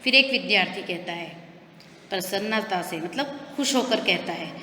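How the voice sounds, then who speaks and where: Bright-voiced woman teaching young children. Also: medium pitch, expressive, normal speed, roomy sound, long reverb tail, a little hiss or hum. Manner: restates hard words in simpler terms and checks in with the children. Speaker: primary school teacher. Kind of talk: explaining a textbook lesson to young children.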